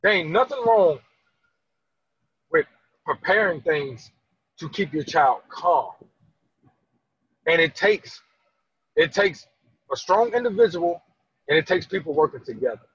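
A man with a high, lively voice speaks earnestly about fatherhood, his tone husky and slightly breathy. He stammers and restarts as he presses his points. The recording is dry and a little dull. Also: measured pace, long pauses, no room sound. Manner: earnest, emphatic, lots of restarts and stammered repeats. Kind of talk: candid conversational interview.

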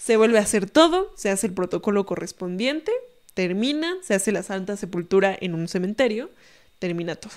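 Animated Mexican woman telling a story. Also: mid-range voice, moderate pace. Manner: animated, tags lines with "¿no?", acts out quoted voices. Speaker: podcast guest storyteller. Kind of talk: casual storytelling.

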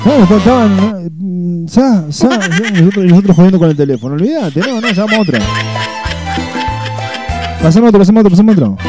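High-voiced playful Argentine radio host. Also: male voice, animated, quick pace, over music. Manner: playful, teasing, calls the caller terms of endearment. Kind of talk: lively radio call-in banter. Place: radio studio.

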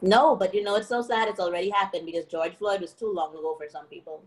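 A woman from the Bahamas talks in a lively, preachy way, driving points home by repeating them. Her voice sits in a middle register, and her delivery is casual and conversational. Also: mid-range voice, quick pace, low-quality recording. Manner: animated, preachy, repeats phrases for emphasis. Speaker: podcast guest, antiracism coach.

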